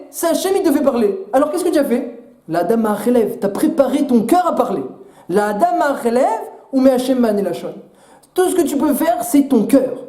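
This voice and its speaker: A man who is a rabbi, giving a Torah sermon with rhetorical questions and animated retellings of midrash. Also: extremely high pitch, roomy sound. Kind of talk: Torah sermon in French with Hebrew terms.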